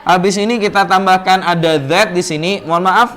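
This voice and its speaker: A man's voice: high-pitched, fairly even intonation, fairly quick, a bit bright. A male English teacher with an Indonesian accent, explaining patiently in class and repeating words to drill pronunciation. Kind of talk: classroom lesson.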